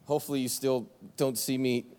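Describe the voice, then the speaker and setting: A young adult male pastor preaching a sermon, telling a story with animated back-and-forth and poking fun at himself. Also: medium pitch, a little fast, smooth, long reverb tail. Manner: animated storytelling, acts out both sides of an argument, self-mocking. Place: church sanctuary.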